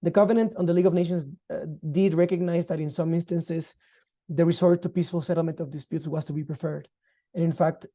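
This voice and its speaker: Very dark-voiced man lecturing. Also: fairly high pitch. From Guatemala. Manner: measured, formal, explanatory. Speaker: law lecturer. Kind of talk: online lecture.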